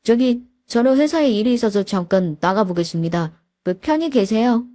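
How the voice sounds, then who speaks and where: A woman's voice: a little high, animated, moderate pace, mellow, no room sound, studio quality, lightly acted. A woman voicing an evasive husband who talks in an awkward, hesitant, stiffly polite way.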